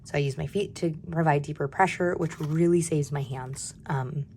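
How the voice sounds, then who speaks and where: A woman in her thirties with a hoarse voice from a cold, chatting candidly while she budgets and sometimes dropping to a near-whisper. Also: sits low, fairly even intonation, normal speed, darkish tone, a little hiss or hum. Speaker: budgeting vlogger. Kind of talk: casual chat while stuffing cash envelopes.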